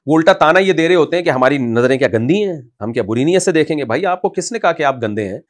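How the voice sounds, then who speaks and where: Emphatic male religious scholar. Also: animated. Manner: emphatic, rises loud to scold, then drops low and quiet. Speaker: Islamic scholar answering a viewer's question. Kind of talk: impassioned religious advice talk.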